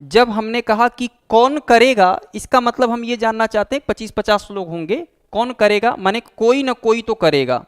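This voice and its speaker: A man's voice: high-pitched, moderate pace, smooth. A man teaching an exam-prep Hindi grammar lesson, explaining patiently, repeating key terms and acting out example phrases.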